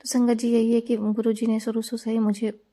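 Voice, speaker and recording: A woman giving a devotional gratitude talk and chanting a mantra, quick and rambling, with frequent restarts. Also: fairly high pitch, completely flat delivery, warm tone. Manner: fast, rambling talk with many restarts and fillers. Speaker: devotee sharing a gratitude satsang. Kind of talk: devotional testimony.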